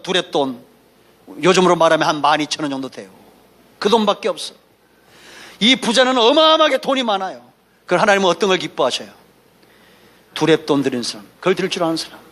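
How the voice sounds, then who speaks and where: A man preaching a sermon as pastor in a church, animated, with sudden shouts and frequent asides to the congregation. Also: high-pitched. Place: church sanctuary.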